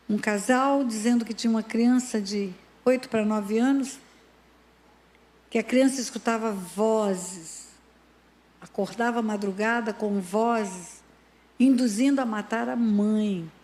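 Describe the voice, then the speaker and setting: A woman's voice: fairly high pitch, darkish tone. A woman pastor giving an emphatic sermon full of dramatic stories. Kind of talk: sermon with storytelling.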